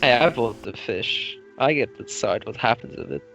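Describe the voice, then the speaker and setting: A man's voice: medium pitch, lively intonation, moderate pace, gravelly, fairly bright tone, soft background music, poor audio. A man speaking casually as his character in a tabletop game. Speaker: tabletop player.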